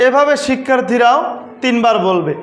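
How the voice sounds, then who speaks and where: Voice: mid-range voice, expressive, normal speed. Teacher drilling letters in an echoey classroom. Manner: drills letter names and counts aloud; asks the class questions and answers them. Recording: echoey room with loud noise.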